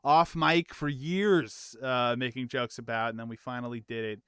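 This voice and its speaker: A man hosting a podcast in casual, comedic chat, with a halting delivery that often repeats words. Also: mid-range voice, steady tone, a bit bright, clean tone, no room sound, clean studio sound. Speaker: podcast host.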